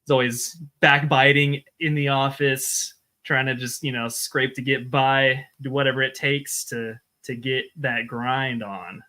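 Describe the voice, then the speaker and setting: A man co-hosts a podcast in easy, casual chat. He spins long, playful tangents as he talks. His voice is bright and forward, at an ordinary pitch for a man. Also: steady tone, measured pace, hardly any pauses. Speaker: podcast co-host.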